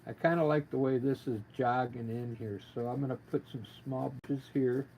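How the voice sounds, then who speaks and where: A man giving a casual live painting lesson as a gentle, informal instructor with a gravelly voice, talking while he works. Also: mid-range voice, fairly even intonation, normal speed, dull audio. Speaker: painting instructor, livestream artist. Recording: noticeable background noise, live stream.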